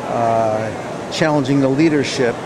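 A man answering interview questions as a union delegate, earnest and measured, often restarting his sentences. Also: medium pitch, background noise. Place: busy convention hall. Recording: loud crowd chatter behind.

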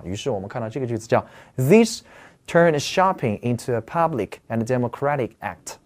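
An animated male teacher explaining English words in a lecture, his pitch rising and falling widely. He keeps asking the listeners questions and says the key terms over and over.

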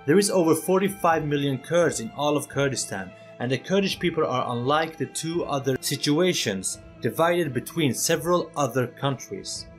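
A man's voice: fairly high pitch, lively intonation, moderate pace, hardly any pauses, faint music behind. A man hosting an opinion video as a voice-over, earnest and persuasive, speaking straight to his viewers. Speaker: channel host.

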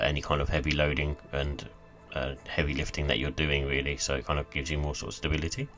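Very deep-voiced man reviewing sneakers. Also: bright, forceful tone. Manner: rambling, many fillers like "sort of" and "kind of". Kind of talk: casual product review voice-over.

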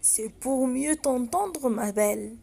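A woman voicing a sly, hungry male wolf in a storybook, who talks in a soft, sugary, drawn-out way. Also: high-pitched, expressive, vocal fry, exaggerated voice. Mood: sweetly sly.

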